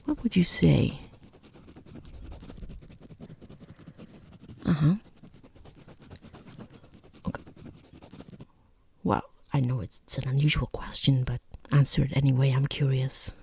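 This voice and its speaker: A woman acts out a rude, condescending boss interviewing a job applicant, speaking in half-whispered, soft ASMR with dry, sarcastic politeness and a dryly probing mood. Her rumbling low voice is gravelly and husky, unhurried and full of pauses. The performance is heavily acted.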